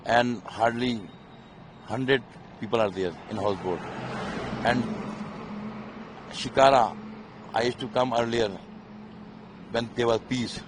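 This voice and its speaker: Middle-aged male officer, emphatic and pleading, unhurried delivery, faint background noise. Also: medium pitch, steady tone. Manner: emphatic, pleading, repeats himself. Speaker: army officer. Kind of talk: impassioned street interview.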